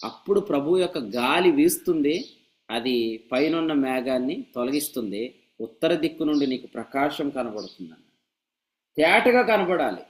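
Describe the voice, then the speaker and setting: A pastor preaching a sermon to a church meeting, in a voice pitched a little above most men. He is lively and pointed, teasing and scolding his listeners with humor and firing off rhetorical questions. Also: moderate pace, rough recording.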